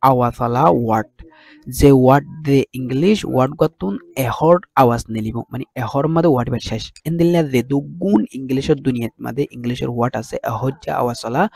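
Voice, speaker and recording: A man's voice: medium pitch, vocal fry, darkish tone. Man, explaining grammar step by step and checking in with students. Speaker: English grammar teacher. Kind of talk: lesson in a regional dialect mixing English terms.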